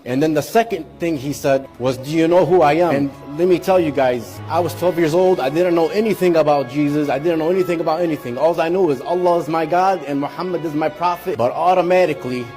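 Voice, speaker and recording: A man's voice: a little high, warm tone. Earnest man in his forties recounting. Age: 40s. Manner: earnest, heartfelt storytelling with restarts. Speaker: speaker giving a personal testimony. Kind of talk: emotional personal testimony.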